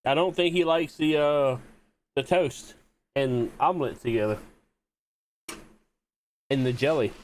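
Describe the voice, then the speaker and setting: A man's voice: mid-range voice, measured pace, long pauses. A man streaming a game, chatting casually and teasing his friends with joking, profane banter. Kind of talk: casual gaming stream chat.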